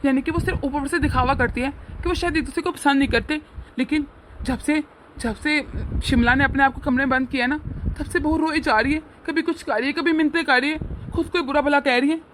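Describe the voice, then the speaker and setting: A woman voicing a middle-aged father-in-law who schemes kindly and scolds in a fatherly way in an animated family drama. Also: high-pitched, fairly quick, slight background noise. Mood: scheming.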